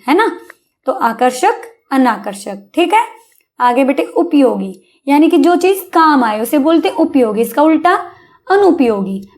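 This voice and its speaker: A woman's voice: high voice, a little mellow. A woman teaching a Hindi exam lesson to young pupils, coaxing them along and often checking they follow. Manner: coaxing, repeatedly checking understanding with "है ना?".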